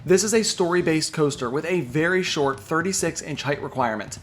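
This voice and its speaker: A man's voice: a little high, brisk, a little hiss or hum. A man reading a scripted voice-over as a video narrator, in an enunciated, presentational way. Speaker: theme park news video narrator.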